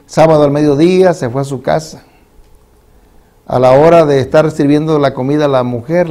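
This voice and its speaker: A man's voice: mid-range voice, dark tone. A man preaching a sermon in church, telling a story and acting out the people in it. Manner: storytelling preacher, voicing characters in quoted dialogue. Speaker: pastor. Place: church sanctuary.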